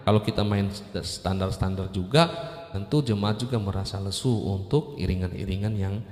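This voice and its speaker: A man's voice: lowish voice, normal speed, darkish tone. A man hosting a keyboard tutorial, explaining step by step in a casual way and often stopping with fillers. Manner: addresses viewers as friends, explains step by step with fillers. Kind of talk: casual instructional talk. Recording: roomy echoey sound with keyboard music behind. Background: church keyboard accompaniment playing.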